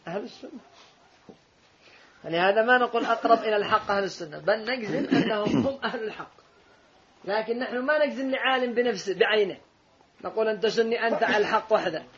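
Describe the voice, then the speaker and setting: Brisk high-voiced man teaching. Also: a bit bright. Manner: emphatic, interjects corrections. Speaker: teacher commenting on a text. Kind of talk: religious lesson commentary. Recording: dull lo-fi recording with faint room noise.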